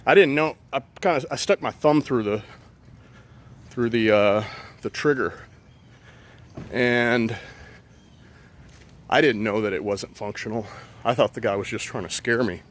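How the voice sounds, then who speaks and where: A man's voice: medium pitch, unhurried, pauses often, a little hiss or hum. A man casually telling a personal story outdoors, rambling and profane with many fillers.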